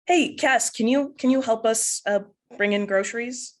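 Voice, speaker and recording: A woman's voice: fairly high pitch, normal speed, pitched above the performer's own voice, natural voice. A woman voicing a tired middle-aged father in a tabletop game, sighing as he asks his daughter for help. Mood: tired pleading. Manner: tired, mildly pleading.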